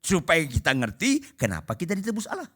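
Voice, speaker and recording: Pastor guy on a church mic, highish bright voice, super animated, does all the voices in his stories. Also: a little fast, breathy edge. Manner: animated, acts out dialogues, shouts and drops to half voice. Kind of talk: humorous sermon. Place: church hall before a congregation.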